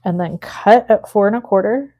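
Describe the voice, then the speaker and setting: A woman in her forties chats easily while she makes cards, thinking aloud and asking her viewers questions. Her voice sits at a middle pitch, and her talk is loose and unscripted. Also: moderate pace, noisy background. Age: 40s. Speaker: craft live-stream host. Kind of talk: casual chat while crafting.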